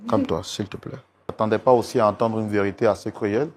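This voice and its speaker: A man hosting a talk show, who keeps repeating apologies and calming words and pleads with a guest. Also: fairly low pitch, fast talker, slight background noise. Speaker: host.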